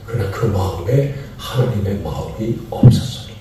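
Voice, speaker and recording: A middle-aged man from Chungcheong, Korea, preaches to pastors at a seminar in a sermon-style lecture, repeating key phrases and asking rhetorical questions. His low voice has lively intonation and a moderate pace. Recorded from afar in an echoey large church sanctuary, it carries heavy background noise.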